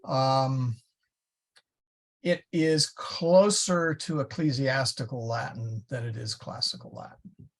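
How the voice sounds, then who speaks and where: A man's voice: mid-range voice, slow pace. A man teaching a Latin class in a casual, chatty way, often stopping to correct himself. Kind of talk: classroom lecture. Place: church classroom.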